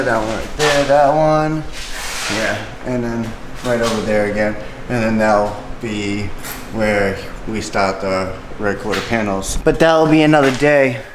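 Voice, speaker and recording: A man's voice: medium pitch, steady tone, takes it slowly. Casual man in an echoey garage. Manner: loose, slangy, addresses viewers directly. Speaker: car repair vlogger. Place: home garage with a car lift. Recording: echoey garage, faint noise.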